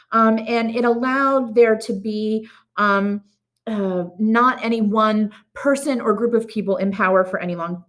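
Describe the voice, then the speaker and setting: A woman teacher giving a recorded art history lecture in a casual way, with many ums and restarts. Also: on the high side. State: has the hiccups.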